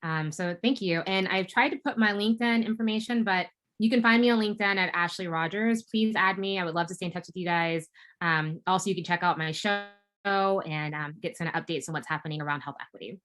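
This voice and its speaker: Casual woman, lowish voice. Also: a little fast, fairly bright tone. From United States. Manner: casual, many fillers and restarts. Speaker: guest speaker. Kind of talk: webinar presentation.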